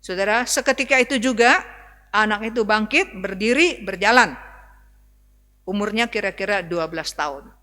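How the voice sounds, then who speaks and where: Bright-voiced woman pastor in a reverberant church. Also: medium pitch, moderate pace. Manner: conversational preaching, often addressing the congregation as brothers and sisters. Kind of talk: sermon. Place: church hall.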